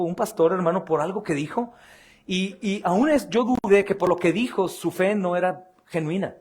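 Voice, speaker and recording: Fervent Mexican pastor, fairly high voice. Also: male voice, breathy edge. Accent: Mexican Spanish. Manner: fervent preaching, swings between loud emphatic bursts and low intense asides; addresses listeners often as brothers. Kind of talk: sermon.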